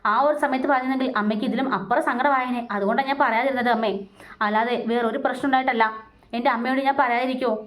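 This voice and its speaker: A woman's voice: high voice, fairly even intonation, very fast, lightly acted. A woman voicing a scheming young daughter-in-law who pleads and explains herself in a self-pitying way. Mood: pleading.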